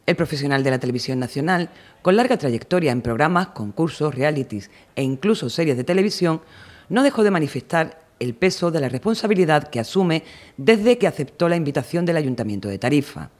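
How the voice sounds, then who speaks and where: A male reporter narrates a news piece from a script. His voice sits a little higher than most men's, and the delivery is that of a formal television voice-over. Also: animated, fairly quick.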